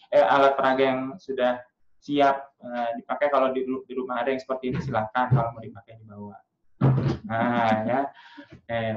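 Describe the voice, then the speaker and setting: A man coaching parents in storytelling, talking in a lively, demonstrative way with frequent filler sounds. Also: medium pitch, echoey room, highs cut off. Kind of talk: casual workshop talk to parents.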